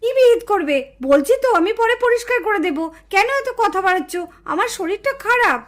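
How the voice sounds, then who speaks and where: A woman plays a meek mother who is feeling unwell, answering in a quiet, apologetic way. Her voice stays very high and gentle as she pleads for calm in the doll show. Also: a little fast.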